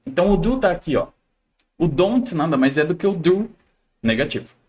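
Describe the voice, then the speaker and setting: A man's voice: a little high, animated, moderate pace, darkish tone. A young man from Brazil teaching an English lesson in a chatty, explanatory way, often checking in with the listener and shifting his intonation to model questions. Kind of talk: casual online lesson.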